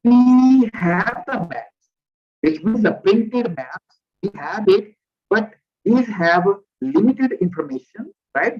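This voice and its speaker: Male lecturer, high voice, dull lo-fi headset audio on a video call, careful explainer. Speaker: visiting lecturer. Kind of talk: online lecture.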